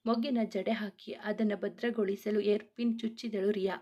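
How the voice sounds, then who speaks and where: Mellow-voiced woman storyteller. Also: mid-range voice, normal speed. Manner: steady descriptive reading. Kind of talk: scripted story narration.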